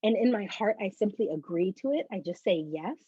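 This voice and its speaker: A woman guest on a faith interview, sharing a personal testimony in a bubbly, animated storytelling way. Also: medium pitch, a little fast, husky, dry recording. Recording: dull, slightly lo-fi recording.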